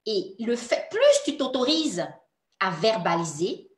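A woman coaches mothers through a workshop, earnest and encouraging as she speaks directly to her listener. Her voice moves animatedly up and down, at a middling pitch. The recording carries a noticeable roomy echo. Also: very animated, measured pace. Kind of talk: workshop talk.

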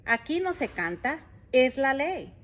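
A woman voicing a grumpy, cranky male town mayor in a storybook reading, loud, scolding and exasperated. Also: a little high, lively intonation, unhurried.

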